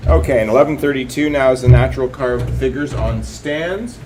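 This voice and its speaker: A man's voice: medium pitch, a little fast, noisy background. A man working as a live auctioneer, calling bids and increments in repetitive, clipped patter.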